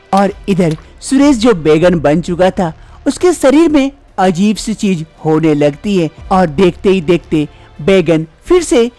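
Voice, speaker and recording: A man narrating an animated story in a scripted, expressive storytelling manner. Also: high-pitched, no room sound.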